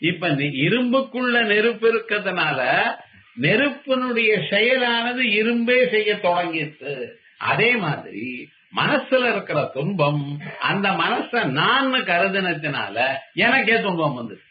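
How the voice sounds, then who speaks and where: A man with a high voice gives a spiritual discourse on a muffled, lo-fi recording. He chants verses in a slow, measured way. He then explains each one in everyday speech, full of questions he asks and answers himself. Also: very animated, slight background noise. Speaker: Vedanta teacher. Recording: dull lo-fi recording.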